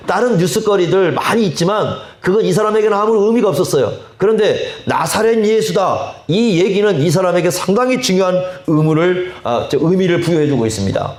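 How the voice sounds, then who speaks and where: A male pastor preaching a sermon, slow and deliberate, often asking the congregation rhetorical questions. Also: sits high, a little mellow. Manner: slow, deliberate delivery with drawn-out phrases. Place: church sanctuary. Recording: echoey church hall.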